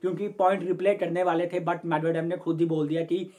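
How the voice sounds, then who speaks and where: A young man with a fairly high, darkish voice delivers quick, level-toned match analysis on his own sports channel. Filming from a room at home, he talks casually to camera, gestures as he explains and treats his viewers as friends.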